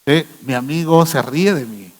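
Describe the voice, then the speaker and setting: A man's voice: fairly high pitch, moderate pace, darkish tone. A Mexican male pastor preaching a sermon, telling stories emphatically and mimicking the people he quotes, in a church hall. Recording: long church hall reverb.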